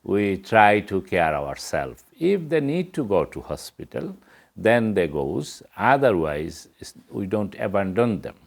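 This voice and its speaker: A man's voice: deep voice, big pitch swings, unhurried, vocal fry. A middle-aged man from Bangladesh, speaking earnestly in as an interview guest. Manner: earnest, plain-spoken, non-native English grammar. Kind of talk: interview answers.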